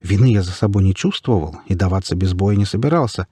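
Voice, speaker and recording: A man narrating an audiobook in the first person, expressive in his storytelling. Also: low-pitched, quick pace, breathy edge, dry recording.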